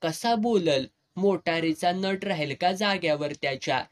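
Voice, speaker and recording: A man voicing a bold, quick-tempered village girl, speaking in a with a teasing, bossy manner. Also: high voice.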